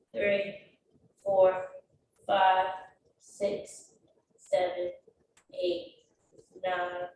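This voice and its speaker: A woman instructor leading a chair stretching class with slow, encouraging counts, a little stuffy from a cold. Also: fairly high pitch. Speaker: fitness instructor. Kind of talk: guided exercise class with counting. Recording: very echoey, distant, faint noise.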